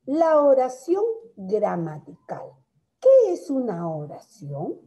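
A woman teaching a grammar lesson to young pupils, explaining slowly, asking frequent rhetorical questions and affectionately calling them her loves. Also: a little high, huge pitch swings, mellow. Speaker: primary school teacher. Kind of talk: recorded grammar lesson for children.

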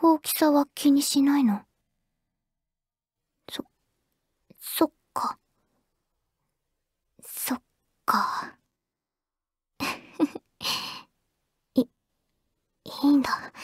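In an anime audio drama, a woman voices a shy, awkward teenage girl phoning the childhood friend she has a crush on. Her high-pitched voice is breathy and whispery, soft, intimate, hesitant and stammering, with a puzzled, unsure mood. The recording is clean studio sound with no room sound.

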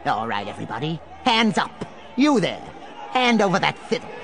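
A man's voice: a little high, wildly swooping pitch, normal speed, a bit bright, a faint crowd, exaggerated voice. An actor playing a gleeful, taunting male supervillain in an audio drama, theatrical and gloating, full of puns. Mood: commanding. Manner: theatrical, gloating, punning, cackling. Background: dramatic music.

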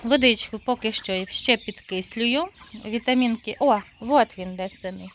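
A woman chatting casually in her yard while tending her birds, laughing often and calling them in a high singsong. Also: moderate pace, background noise. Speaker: poultry-keeping vlogger. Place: outdoor yard with poultry.

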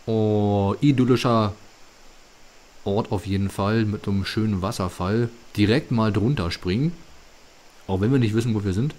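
A man's voice: fairly low pitch, normal speed, a little mellow. A man giving casual, joking commentary while playing a video game. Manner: joking, chatty asides. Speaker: let's play host.

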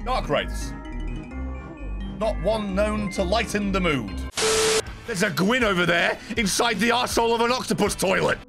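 A man commenting live on his video game, swearing often and swinging between low mutters and exasperated shouts. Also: expressive, moderate pace, gravelly, pauses often. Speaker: streamer. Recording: gameplay stream with music behind.

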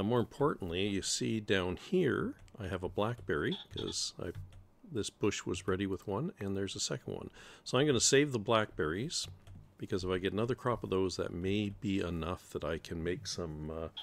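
Man, middle-aged, deep voice, creaky, let's-play commentary, rambling, dry humor. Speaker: gaming channel host.

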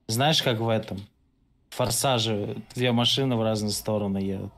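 A man's lowish, slightly bright voice comes through an online voice-chat microphone at a moderate pace as he leads a game raid. He gives blunt, bossy, profane instructions in casual gaming chat, with a bit of noise on the line.

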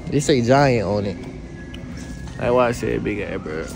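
A young man in his twenties vlogging while shopping in a supermarket, teasing and swearing, with sudden loud bursts. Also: lowish voice, lively intonation, a little slow, vocal fry, music in the background. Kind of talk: casual vlog banter. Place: large supermarket, indoors. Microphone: handheld camera.

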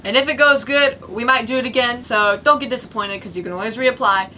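A teenage girl chatting casually aboard a boat, relaxed and easygoing. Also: a little high, fairly quick, a little hiss or hum.

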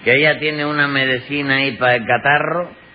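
A man's voice: medium pitch, steady tone, a little fast, lightly acted. A man playing a sly, bumbling accused man in a vintage radio comedy, with a cheeky, rambling way of talking. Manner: cheeky, rambling, keeps saying "chico". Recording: dull old radio broadcast with faint hiss.

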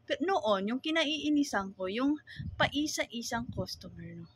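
A woman with a Filipino accent, running a small store and ranting about customers in a casual vlog, animated and laughing often. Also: sits high, measured pace, husky. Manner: animated, laughing, mock-growling. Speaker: sari-sari store owner vlogger.

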